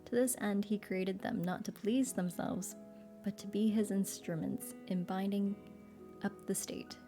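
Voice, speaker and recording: A calm, patient old philosopher, read by a woman in a soft bedtime reading. The voice is mellow and warm, and the delivery is steady. Gentle music sits faintly underneath. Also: mid-range voice, unhurried, lightly acted.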